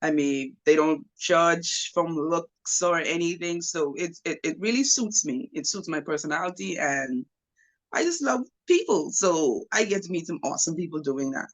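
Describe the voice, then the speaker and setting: A young woman from the Bahamas, a spiritualist guest, telling her story in a casual interview with fillers and lively asides. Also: low-pitched, moderate pace.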